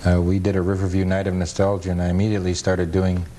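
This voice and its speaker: In a noisy 1980s cable TV recording, an American man appears as an interview guest, a photo historian and author. His low voice is completely flat and dark in tone, moving at a quick pace. He explains things in a plain, matter-of-fact, conversational way.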